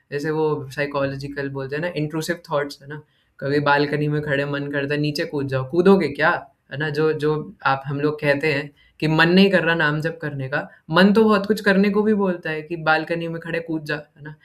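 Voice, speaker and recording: A man with a fairly high-pitched voice leads a relaxed scripture class. He talks in a loose, chatty way and keeps tagging questions onto the ends of his points. Now and then he slips into recited verses. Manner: keeps asking "है ना?" as a tag question; mixes in English words and recites verses. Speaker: devotional class speaker.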